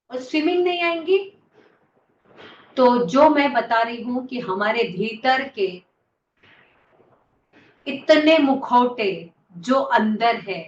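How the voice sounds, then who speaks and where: A woman's voice: on the high side, a bit bright. A woman leading a guided yoga and breathing class, urging her students on with repeated commands. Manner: commanding, urgent coaching with repeated calls. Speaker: yoga instructor. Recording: distant, roomy, dull lo-fi sound.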